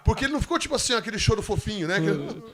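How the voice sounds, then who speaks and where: Brazilian guy telling his mission story, kinda high voice, laughs a lot, plays out the people he met. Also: big pitch swings, racing, crowd noise. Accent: Brazilian Portuguese. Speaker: missionary guest speaker. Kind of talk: animated storytelling testimony.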